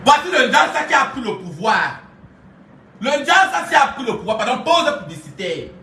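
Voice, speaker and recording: A woman, ranting live to her followers and mocking someone. She keeps laughing, chants insults and sometimes shouts. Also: high-pitched, big pitch swings, moderate pace. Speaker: social media streamer. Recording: echoey room, voice far from mic, faint hiss.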